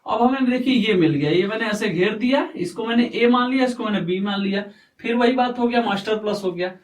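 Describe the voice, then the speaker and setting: High-voiced teacher in an echoey room. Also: male voice. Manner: slow, repetitive, quizzing himself aloud. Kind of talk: explaining a lesson at a board. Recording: echoey room, voice far from mic.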